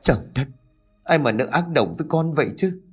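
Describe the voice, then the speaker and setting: A man's voice: fairly high pitch, lively intonation, a little fast, husky, soft background music, voice pushed up. A man voicing a grieving elderly village mother, wailing and sobbing in a raised voice.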